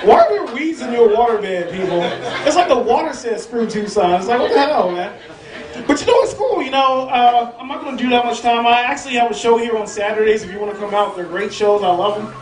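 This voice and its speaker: This stand-up comedian from the southern United States works a club stage in front of a live audience, ribbing them with crude, brash humor. He talks fairly quickly in a very high-pitched, animated voice, picked up from afar in echoing club sound with crowd noise.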